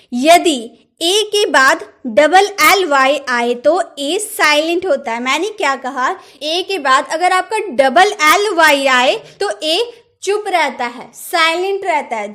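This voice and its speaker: A woman teaching English pronunciation, repeating each word slowly and quizzing the viewers with questions. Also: extremely high pitch, fairly bright tone. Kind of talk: pronunciation lesson.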